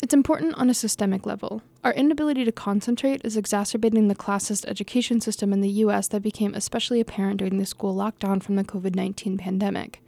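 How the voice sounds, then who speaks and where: A young woman reads her own essay aloud at an even, middling pitch, her tone dark and mellow. The recording is close and dry. She sounds casual and easygoing, restarting lines and laughing at her own stumbles. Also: fast talker, creaky, few pauses, dry recording. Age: young adult. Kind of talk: reading an essay aloud with unscripted asides.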